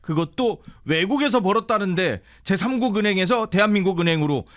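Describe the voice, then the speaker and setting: A man's voice: high voice, expressive, a little fast, a bit bright, dry recording, studio quality. A man hosting a talk show, chatting casually and reacting with short interjections. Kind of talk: casual chat.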